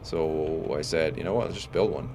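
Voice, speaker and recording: A man's rumbling low voice moves at a moderate pace, with faint music and steady noise in the background. He's Italian with a faint accent, relaxed and talkative, reading chat messages aloud while streaming a space game.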